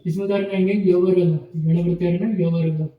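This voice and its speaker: In this online video lecture, a high-pitched male voice moves at a normal speed with fairly even intonation, teaching Sanskrit letter by letter. His explanations are repetitive, punctuated often by "okay," "ठीक है," and "okay." The recording is muffled and reverberant.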